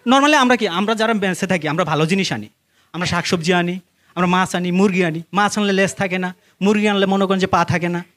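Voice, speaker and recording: A man's voice: high voice, brisk, fairly bright tone. A young man with a Bangladeshi accent doing conversational stand-up comedy, telling stories to a laughing crowd. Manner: conversational storytelling, addressing the audience and acting out dialogue. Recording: live stage recording with faint noise.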